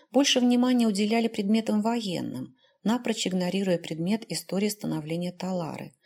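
A woman narrating a first-person fantasy novel as an audiobook, in a measured, even storytelling manner. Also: medium pitch.

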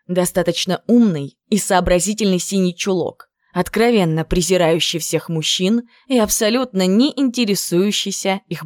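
A woman putting on a cool, self-assured young ringleader from a storybook, speaking in a low, measured and commanding way. Sly and superior, recorded close and dry. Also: no echo, close to an everyday voice.

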